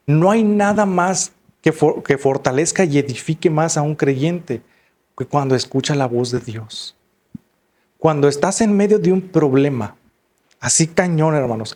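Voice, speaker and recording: A man's voice: fairly high pitch, darkish tone. A man preaching a sermon in an earnest, conversational way. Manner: conversational, earnest, repeats "hermanos" and "¿verdad?".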